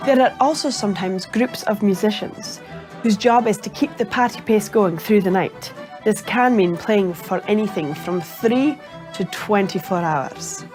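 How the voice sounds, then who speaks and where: A woman's voice: mid-range voice, measured pace, darkish tone, faint music behind. A woman from Shetland with a Shetland Scottish accent, presenting a scripted, humorous explainer in a playful way with theatrical emphasis. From Shetland, Scotland.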